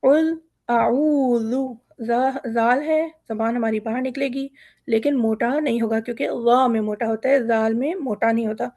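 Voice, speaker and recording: A woman teaching Quran recitation, reciting verses slowly and drawn out, then patiently explaining how each letter is pronounced step by step. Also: fairly high pitch, fairly even intonation, darkish tone, no echo, clean studio sound. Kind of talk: online recitation lesson.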